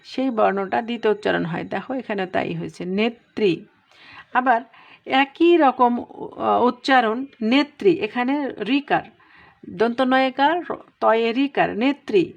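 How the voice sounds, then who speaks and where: A woman teaching a pronunciation lesson, explaining rules step by step and drawing out each example word slowly. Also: on the high side, highs cut off. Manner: patient, explains step by step, drawn-out example words. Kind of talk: spoken lesson.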